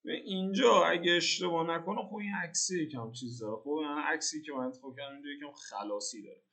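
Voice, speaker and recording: A man's voice: fairly high pitch, pushed and bright. Joking young man talking through code. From Iran. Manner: joking, slangy, thinks aloud. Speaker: programming tutor. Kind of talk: casual screen-recorded coding tutorial.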